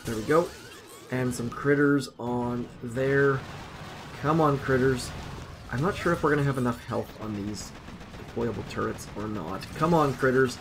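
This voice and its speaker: A man who looks to be in his thirties talks through his own mobile gameplay at home in an unhurried, mid-range voice. He runs a gaming channel, and his commentary is chatty and self-deprecating as he thinks out loud.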